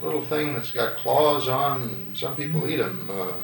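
A man conducting an informal fieldwork interview, asking questions in a halting, hesitant way. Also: mid-range voice, lively intonation, vocal fry. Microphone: distant from the speaker. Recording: distant, echoey, noisy field recording.

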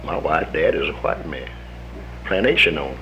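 With a very deep, expressive voice that sounds pushed and bright, a U.S. army veteran in his fifties tells his story at a moderate pace. This American man speaks folksily, performs the voices of those he quotes, and a slight hiss or hum runs under the recording.

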